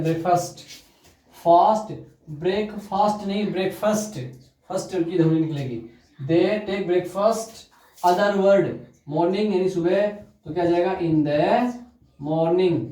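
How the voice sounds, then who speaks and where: A man teaching English grammar, dictating example sentences slowly and quizzing students with repeated questions. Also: a little high, warm tone. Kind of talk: classroom grammar lesson. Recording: echoey room, far from mic.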